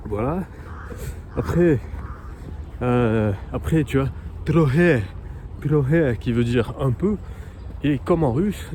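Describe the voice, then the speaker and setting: A man talking casually to the camera while walking outdoors in a park, hesitant and full of fillers, slowly sounding out foreign words. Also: medium pitch, mellow, slight background noise. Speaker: vlogger learning Polish. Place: outdoor park in cold weather.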